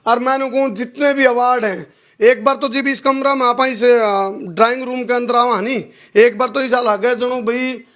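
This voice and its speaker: A man's voice: very high voice, fairly even intonation, normal speed, fairly bright tone. A man with a Haryanvi accent interviewing a guest in a folksy, conversational way. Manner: folksy, uses Haryanvi dialect words.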